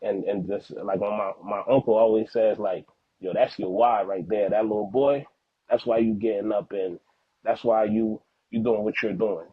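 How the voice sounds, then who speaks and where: This young man's husky voice sits on the low side, with fairly even intonation and a moderate pace. Of Haitian background, native in Haitian Creole and living in the US, he speaks as a father and podcast guest in casual, heartfelt interview talk, earnest and slangy with repeated words for emphasis, recorded dry over narrow-band phone-like audio.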